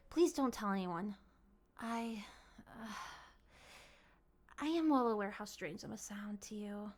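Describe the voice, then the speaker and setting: In an ASMR roleplay, a woman voices an obsessive, courtly vampire who is possessively in love. Her mid-range, darkish voice delivers formal, ornate, pleading lines that frequently slip into breathy whispers.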